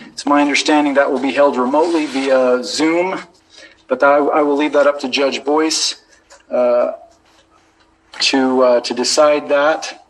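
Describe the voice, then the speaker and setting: A man with an American accent speaking as a judge, giving a measured, deliberate formal ruling from the bench. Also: mid-range voice, steady tone, poor audio. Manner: measured, deliberate, procedural phrasing. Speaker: judge presiding over a court hearing. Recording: courtroom recording with background noise.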